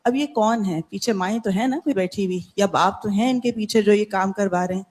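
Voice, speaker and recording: A woman's voice: mid-range voice, darkish tone. Woman, class participant, critical earnest commentary, long room echo. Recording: echoey room.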